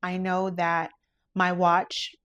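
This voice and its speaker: Earnest low-voiced woman podcaster. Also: completely flat delivery, slow pace, fairly bright tone, dull audio. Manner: earnest, introspective, faith-centered. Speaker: podcast host and lash artist. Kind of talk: reflective solo podcast talk.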